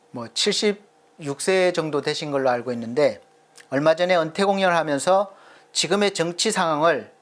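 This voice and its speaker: A middle-aged male pastor preaching a sermon earnestly, asking rhetorical questions and slowing down to stress his points. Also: fairly high pitch.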